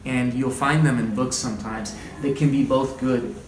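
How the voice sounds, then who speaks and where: This man runs an interactive read-aloud lesson during an indoor group training session, repeating listeners' answers in a warm, encouraging, chatty way. He has a mid-range voice with a steady tone and talks at a normal speed. The audio sounds distant and roomy, plainly picking up the noise of the room.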